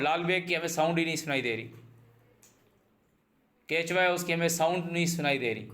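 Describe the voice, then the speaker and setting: A man with a bright, tense voice set a little high, teaching scripture line by line. He recites a verse slowly, then explains it in a quicker conversational flow, circling back to repeat his points. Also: slight background noise. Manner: repeats phrases, speeds up when explaining examples. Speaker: Quran teacher. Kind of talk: verse-by-verse Quran translation and commentary.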